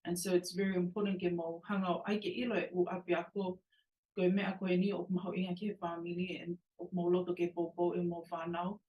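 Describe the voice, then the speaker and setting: A woman teacher from New Zealand speaking in a measured, thoughtful panel discussion. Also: on the low side, little pitch movement, dull audio. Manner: measured, thoughtful, frequent ums. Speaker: teacher and guest. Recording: distant from the mic.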